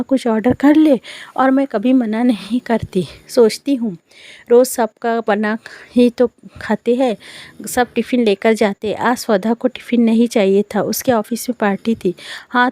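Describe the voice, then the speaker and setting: A woman narrating a scripted family story in the first person, in a calm, measured reading style. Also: on the high side, no echo.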